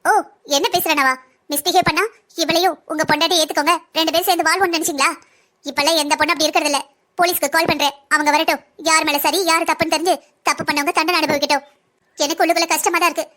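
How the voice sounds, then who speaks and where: A woman's voice: high voice, steady tone, rapid-fire, pushed and bright. Woman voicing a firm righteous young wife. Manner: firm, stern. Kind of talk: cartoon voice acting.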